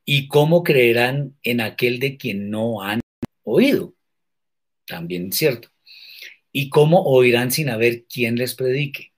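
A man teaching scripture in a measured, deliberate way, answering viewer questions and stressing points with sharp questions. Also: medium pitch, lively intonation. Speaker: religious teacher.

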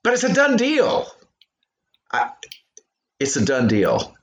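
A man co-hosting a casual remote podcast, talking with many pauses, ums and restarts. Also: mid-range voice, huge pitch swings, echoey room, lo-fi sound. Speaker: podcast co-host.

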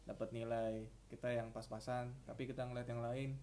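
A man co-hosting a casual chat, quick and slangy. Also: medium pitch, level tone, a little mellow, slight background noise. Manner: quick, chatty, uses slang. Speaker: podcast co-host.

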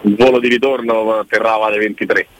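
A man talks sport on air as a commentator, his voice fairly low yet bright and forward. He speaks casually and discursively, readily offering opinions. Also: flat delivery, quick pace, slight background noise, low-quality recording.

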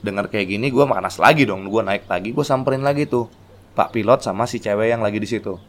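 Man, low voice, casual lively anecdote telling. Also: fast talker. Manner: animated, acts out dialogue. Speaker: storyteller.

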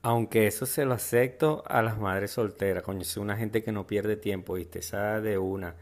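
A man's voice: on the low side, steady tone, normal speed. A man with a Venezuelan accent hosting a casual solo podcast, rambling and joking in heavy slang. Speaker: podcast host.

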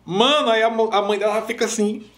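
A young Brazilian man, a worship minister, chatting on a podcast and telling stories with lively, emotional retellings. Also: high voice, brisk. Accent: Brazilian Portuguese. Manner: animated storyteller, acts out quoted voices. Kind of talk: casual podcast chat.

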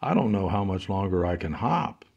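A man voicing a shy, gentle female rabbit in a storybook, speaking softly and apologetically. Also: deep voice, animated, moderate pace, dull audio. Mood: fretful. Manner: soft, apologetic.

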